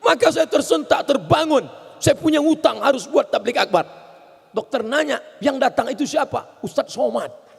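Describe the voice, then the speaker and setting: A man's voice: very high voice, expressive, moderate pace, creaky. A man preaching a humorous sermon, telling stories and acting out voices and sounds. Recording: reverberant hall.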